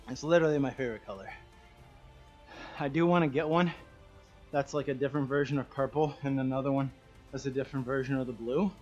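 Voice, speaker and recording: A man teaching a martial arts kicking class, counting reps loudly and chatting and joking with students between sets. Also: mid-range voice, fairly even intonation, fairly quick, pauses often, lo-fi sound, soft background music. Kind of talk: leading a live kicking workout class.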